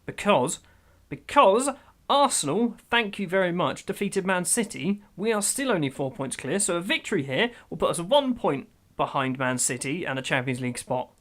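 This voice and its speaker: A man giving let's-play commentary over a football management game, excitable, swinging from grumbling to loud outbursts. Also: high voice, moderate pace. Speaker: gaming YouTuber.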